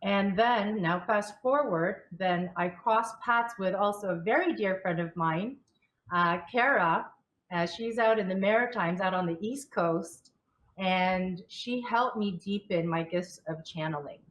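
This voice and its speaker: A woman's voice: medium pitch, a little slow, a bit bright, poor audio. Casting: female spiritual coach and interview guest, candid storyteller, mid-range voice, restarts her words. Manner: candid, repeats and restarts words, often laughs.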